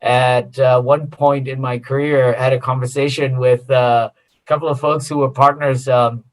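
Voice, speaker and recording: At a normal speed, a middle-aged man from the US speaks in a mid-range voice as a consultant being interviewed. His answers come across as easygoing and warm, sprinkled with many filler words.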